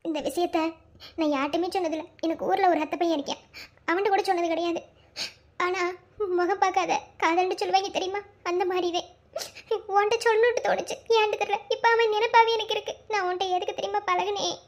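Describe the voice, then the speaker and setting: An actress with a playing a young woman collector, bossy with family but soft and halting when she confides her love, in a television drama. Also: very high voice, fairly even intonation. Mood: confiding. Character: young woman collector, proud, secretly lovesick.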